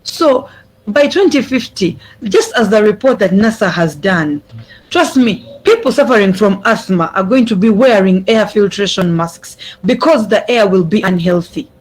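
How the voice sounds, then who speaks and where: Young adult, earnest speech, repeats phrases, mid pitch, video call audio. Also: animated, moderate pace, rough recording. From Uganda. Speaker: youth speaker. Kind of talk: prepared speech at an online summit.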